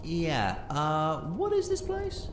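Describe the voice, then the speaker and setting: A man's voice: a little high, huge pitch swings, slow pace, slight background noise, heavily acted. A man playing an eccentric, scatterbrained alien time traveller in an audio drama, rambling and hesitating theatrically. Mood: curious, breezy. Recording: roomy sound with music behind.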